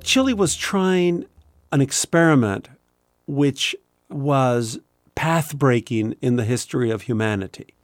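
A man answering in an interview in a deliberate, emphatic way. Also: medium pitch, no echo, studio quality. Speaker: author interviewee.

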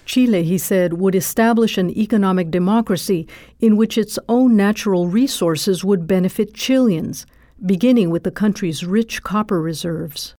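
A woman narrating a radio documentary in a measured, serious scripted read. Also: mid-range voice, warm tone, dry recording.

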